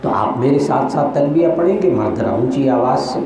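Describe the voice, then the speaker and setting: A man's voice: medium pitch, lively intonation, dark tone, slight background noise. A middle-aged man gives a reassuring, instructive pilgrimage training lecture to a group in a large hall. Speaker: religious instructor. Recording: very echoey hall, dull lo-fi sound.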